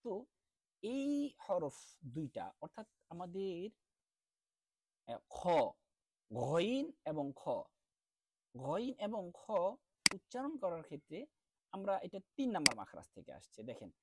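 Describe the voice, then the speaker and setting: A man teaching an online class, explaining letter sounds step by step and drawing each sound out slowly, then asking questions and answering them himself. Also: sits high, wildly swooping pitch, a bit bright, husky. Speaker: Quran recitation teacher.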